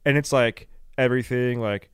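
Smooth-voiced man ranting on a podcast. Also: medium pitch, normal speed, dry recording, clean studio sound. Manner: animated, ranting, laughing, acts out quoted exchanges. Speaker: podcast host. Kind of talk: casual podcast chat.

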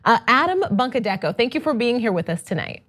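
A woman's voice: on the high side, sing-song, quick pace, fairly bright tone. A woman filling in as host, asking a political candidate upbeat questions with a few hesitant restarts. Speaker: fill-in show host. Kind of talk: political interview.

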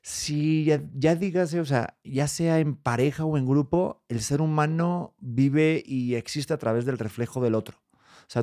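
A man's voice: mid-range voice, mellow, no room sound, studio quality. A man with a Spanish accent, a podcast co-host musing in casual chat with asides and restarts. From Spain.

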